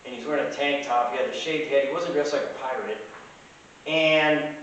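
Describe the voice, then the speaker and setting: A man's voice: mid-range voice, normal speed, fairly bright tone. A middle-aged man, a tavern keeper, telling a casual rambling anecdote full of restarts and fillers, recorded inside the tavern. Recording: very echoey, distant, faint hiss.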